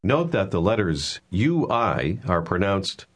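A man with a very deep, husky voice reads out a recorded language lesson. His intonation moves a lot as he explains pronunciation step by step in a measured, instructive way. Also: sing-song. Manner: measured, clear teaching delivery. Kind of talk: scripted instructional narration.

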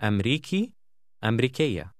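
A man with an Egyptian Arabic accent, modelling phrases in a pronunciation drill with crisp, clipped repetitions. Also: medium pitch, very animated, a little fast, no room sound, clean studio sound. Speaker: native speaker model in a language course.

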